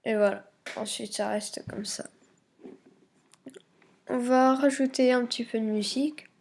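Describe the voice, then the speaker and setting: Slow, gravelly woman hesitantly explaining software. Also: a little high, steady tone, a little hiss or hum. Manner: hesitant, many fillers and self-corrections, muttered asides. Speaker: YouTube tutorial maker. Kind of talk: screen-recording software tutorial.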